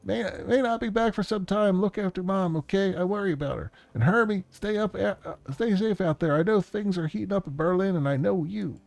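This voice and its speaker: A man voicing a jittery, excited man on an old video message, talking breathlessly and urgently. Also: sits high, a little fast, creaky, hardly any pauses, dry recording, pitched above the performer's own voice. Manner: breathless, urgent, words tumbling out.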